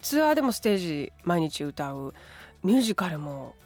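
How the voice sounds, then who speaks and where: Lively woman radio host. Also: lowish voice, fairly quick, faint music behind. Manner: lively, attentive, frequent interjections. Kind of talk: radio talk show hosting. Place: radio studio.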